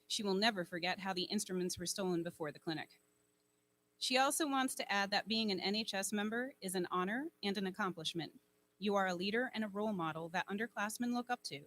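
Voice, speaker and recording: A woman's voice: mid-range voice, a bit bright, slight background noise. A woman advisor reading student officer bios formally from a lectern microphone at a school ceremony. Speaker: honor society advisor. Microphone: speaking at a lectern microphone.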